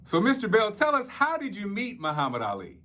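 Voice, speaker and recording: A man's voice: high-pitched, huge pitch swings, fairly quick, bright, forceful tone. A man hosting a talk show, introducing a segment in polished form and leading the guest with questions. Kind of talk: presenting and interviewing. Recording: faint music underneath.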